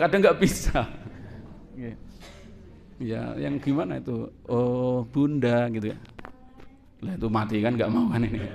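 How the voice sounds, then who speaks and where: A man preaching to a congregation in a lively, conversational way, asking his listeners questions and laughing along with them. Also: high voice. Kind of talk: sermon to a congregation.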